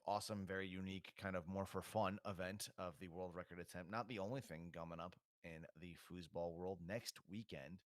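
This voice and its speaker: A man under forty hosts relaxed remote commentary, talking along in a chatty, easygoing way. His voice sits low and sounds dry and close. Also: fairly quick, hardly any pauses, no echo. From United States. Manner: chatty, easygoing, with frequent fillers.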